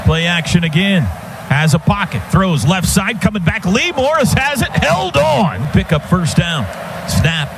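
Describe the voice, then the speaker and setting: A man with an American accent does radio play-by-play of a live football game from a stadium booth, speaking in clipped, staccato bursts. His voice sits high and swings widely in pitch, and he's a little slow. The broadcast is noisy, full of live stadium sound.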